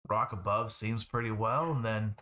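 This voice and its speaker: A man voicing a gruff, gravel-voiced half-dwarf miner who answers bluntly and plainly. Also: lowish voice, steady tone, moderate pace, pushed and bright. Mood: puzzled. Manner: blunt, matter-of-fact short answers.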